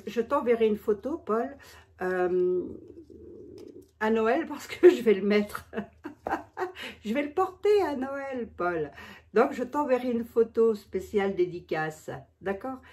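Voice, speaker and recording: A woman's voice: mid-range voice, a little mellow. A woman with a lisp, slushy sh for s and slightly impeded articulation, chatting casually and self-mockingly to subscribers in an unboxing vlog, often repeating her phrases. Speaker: video creator addressing her subscribers.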